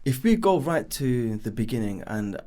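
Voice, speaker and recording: This man's mid-range voice is mellow and sing-song, at a moderate pace. In his thirties, he was born in Bangladesh, grew up in East London and has a London accent. On a podcast, the business founder casually meanders through his life story, often saying um and "should I say".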